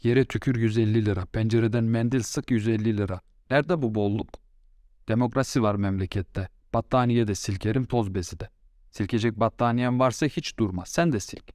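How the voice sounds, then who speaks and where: A man's voice: on the low side, a little fast, a little mellow, dry recording, clean studio sound, natural voice. A man voicing a proud, quarrelsome mother-in-law in an audiobook story, scolding and indignant. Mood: defiant.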